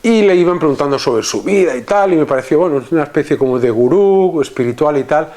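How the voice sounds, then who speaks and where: This Catalan guest, speaking with a Spanish accent in a relaxed chat, has a fairly high yet dark-toned voice with lively intonation. He talks haltingly, restarting often and leaning on fillers.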